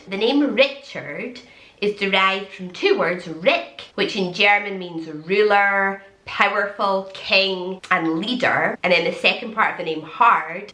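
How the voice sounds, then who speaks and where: A young woman from Scotland, pregnant, chatting to camera in a casual, enthusiastic vlog with quick asides. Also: medium pitch, bright, forceful tone. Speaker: vlogger. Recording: echoey room.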